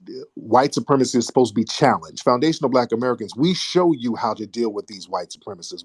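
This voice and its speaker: A man hosting a call-in talk show, speaking forcefully and preachily, often interrupting his caller. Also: on the low side, breathy edge, no echo. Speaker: host.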